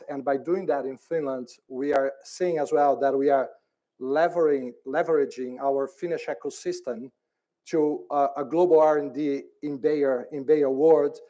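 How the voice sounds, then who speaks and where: Man from Brazil, middle-aged, mellow low-key tone, halting conference talk, repeats himself. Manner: hesitant, repeats words, laughs easily. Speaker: department head on a panel.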